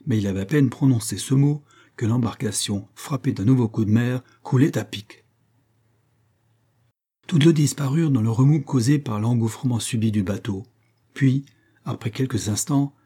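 A man giving a measured, dramatic scripted narration of an adventure audiobook. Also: medium pitch, mellow, slightly rough.

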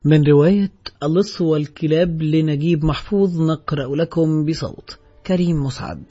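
Husky male audiobook narrator. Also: on the high side, normal speed. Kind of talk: scripted literary narration. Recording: dull audio with soft background music.

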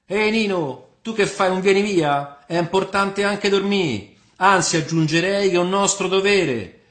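A man's voice: high voice, measured pace, a bit bright, voice pushed up. A man putting on a jovial Roman tavern philosopher. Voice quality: sing-song, folksy dialect. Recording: roomy room with faint music.

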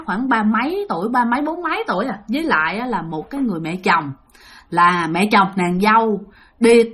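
A woman's voice: mid-range voice, fairly bright tone, husky. A woman telling a ghost story in a rambling, filler-heavy way, speaking directly to her listeners. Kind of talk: spoken ghost story narration.

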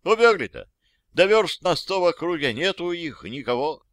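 A man's voice: a little high, sing-song, moderate pace, fairly bright tone, no echo, voice pushed up. A man voicing the ghost of a plain-spoken old-time soldier, rustic and deferential in his speech. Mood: eager, deferential. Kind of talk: audiobook character voice.

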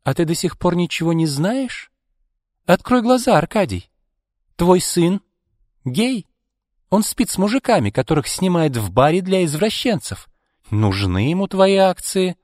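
A male narrator voicing a bitter, resentful middle-aged woman who speaks in a high, strained, scolding voice. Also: huge pitch swings, a little slow, no room sound, studio quality, big-room sound. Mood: spiteful.

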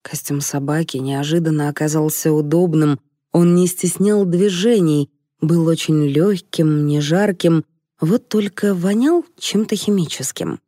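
A woman reading a first-person audiobook story in a measured, wry manner, in a dry studio. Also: deep voice, dark tone, no echo. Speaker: audiobook narrator.

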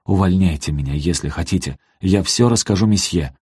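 A man's voice: low voice, a little fast, a little mellow, husky, no room sound, clean studio sound. A man reading an audiobook, voicing an indignant housekeeper who scolds her mistress. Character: angry accusing female housekeeper.

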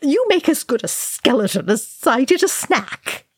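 Woman doing cheeky male dwarf, sniggering, high, dry close sound. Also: very animated, unhurried, husky, no echo, exaggerated voice. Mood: harsh. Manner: sniggering, teasing.

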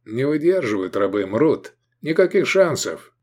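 A man's voice: mid-range voice, sing-song, a little slow, darkish tone, pitched above the performer's own voice. A man voicing a stern scarred male fighter who announces a sentence coldly. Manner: cold, matter-of-fact. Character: cold scarred male warrior-doctor, flat and stern.

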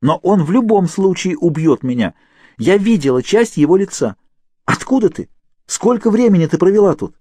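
A man voicing a desperate, defiant young woman held captive, shouting and pleading insistently. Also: on the high side, big pitch swings, very fast, hardly any pauses, no echo, studio quality, voice pushed up. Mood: urgent pleading.

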